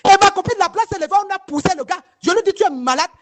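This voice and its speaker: A woman's voice: very high-pitched, very fast. A woman from northern Cameroon, giving heated first-person testimony straight to her viewers, emphatic and rambling, often repeating herself and asking if they follow. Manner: emphatic and rambling, with many repeated words and restarts.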